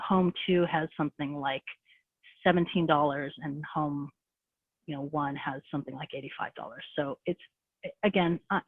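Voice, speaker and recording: A woman giving a fast, casual presentation over a video call, full of fillers and restarts. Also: deep voice, dry recording. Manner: rapid, conversational, many fillers. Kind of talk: webinar presentation. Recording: tinny phone-like call audio.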